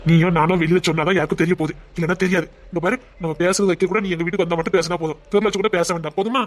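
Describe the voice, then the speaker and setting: Quick-talking young village man, coaxing, reassuring, acted. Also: medium pitch, fairly even intonation, a little hiss or hum, lightly acted. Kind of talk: amateur village drama.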